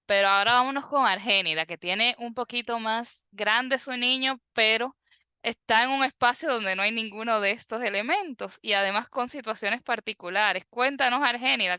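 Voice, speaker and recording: A woman hosting a podcast conversation, moderating and handing over to her guests in a measured way. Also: a little high, bright, forceful tone, clear, resonant tone, dry recording, studio quality. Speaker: podcast host.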